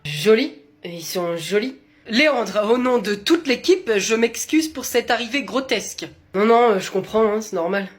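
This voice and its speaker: A woman's voice: a little high, animated, moderate pace, close to an everyday voice. A woman playing a fussy, squeamish male office coworker who stammers when flustered. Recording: noisy background.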